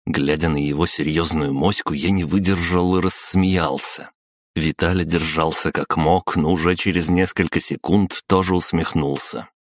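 A male narrator reading an audiobook in the first person, steady and measured. His voice is very low and deep. The recording is close and completely dry. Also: no echo.

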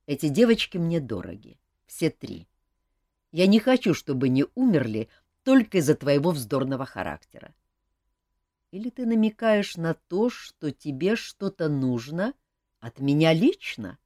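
A woman's voice: low voice, big pitch swings, measured pace, dark tone, no echo, clean studio sound, full character voice. A woman doing a weary, burdened king. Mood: earnest. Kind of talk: audiobook character voice.

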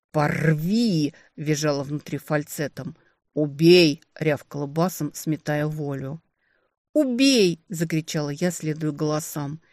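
An audiobook narrator reading a dark fantasy novel in an expressive, dramatic way. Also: medium pitch, no echo, clean studio sound.

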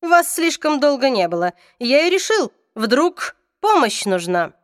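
Woman doing a young man, arrogant, loud and scornful, high raised voice, dry close sound, storybook reading. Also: big pitch swings, unhurried, no room sound. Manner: loud, cold and self-righteous.

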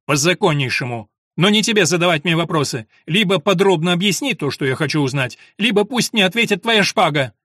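A man's voice: a little high, expressive, a little fast, few pauses, bright, forceful tone, no room sound, studio quality, voice pushed up. A man voicing a hot-tempered young nobleman who demands answers at swordpoint, in an audiobook. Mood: angry. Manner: fiery, demanding.

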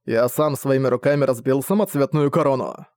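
A man's voice: medium pitch, a little fast, darkish tone, dry recording, studio quality, natural voice. A man voicing a determined young prince who speaks in an earnest, resolute way. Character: determined young prince fighting his brother.

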